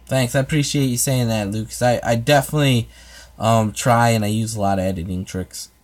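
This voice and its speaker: A man's voice: mid-range voice, steady tone, brisk. A man hosting his own ASMR channel, chatting casually with viewers in a rambling, hesitant way full of fillers and restarts. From United States. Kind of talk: casual livestream chat answering comments.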